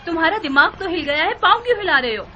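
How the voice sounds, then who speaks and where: A proud wife and mother in a dubbed historical drama, sharp and reproachful, in a high voice with faint ambience behind. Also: animated, racing, highs cut off, slight background noise, full character voice.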